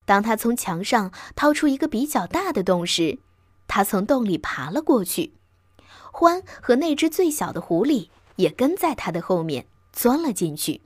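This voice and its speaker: A woman narrates a bedtime story with an expressive, lively delivery. Her pitch sits fairly high and moves a great deal. The sound is dry and close. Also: normal speed, no room sound.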